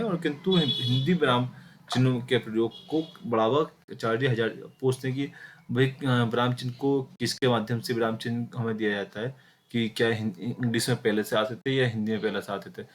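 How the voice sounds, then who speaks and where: A man teaches an exam-prep Hindi grammar lesson step by step, addressing his students directly, repeating key points, and using many fillers and self-corrections. His mid-range voice is steady and fairly quick, with a little hiss or hum.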